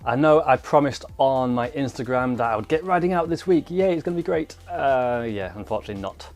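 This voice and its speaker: A man's voice: mid-range voice, animated, fairly quick, a little mellow, faint music behind. A man chatting casually to his vlog viewers, speaking slightly thickly as if the inside of his mouth is swollen. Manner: informal, chatty. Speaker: vlogger, mountain bike trials rider.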